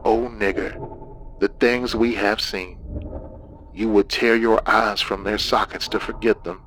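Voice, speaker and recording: A man's voice: on the low side, steady tone, a little slow, a bit bright, rough recording. A man voicing a menacing possessed man who hisses taunting threats in a raised, straining voice. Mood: eerie gloating. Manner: hissing, taunting.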